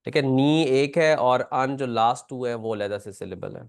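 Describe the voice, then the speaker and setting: A man's voice: mid-range voice, normal speed, gravelly, clear, resonant tone, dry recording, clean studio sound. A man teaching a classroom pronunciation lesson, patiently explaining and repeating words aloud. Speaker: language teacher.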